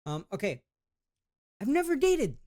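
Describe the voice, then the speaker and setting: A YouTuber in a casual vlog reads test questions aloud and answers them with laid-back, slangy talk, rambling and hesitant, restarting often and trailing off. His voice is very high and a little slow and mellow, with wildly swooping pitch.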